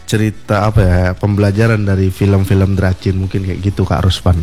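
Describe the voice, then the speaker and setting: A man's voice: deep voice, flat delivery, normal speed, dark tone, soft background music. A man chatting casually as a guest on a radio show. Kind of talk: casual chat.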